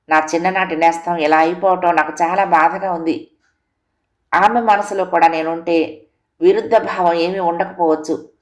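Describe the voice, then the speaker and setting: An earnest young man in love speaks in an audio story, direct and eager to help, voiced by a woman narrator. The voice is lowish and plain. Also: lightly acted. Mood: determined.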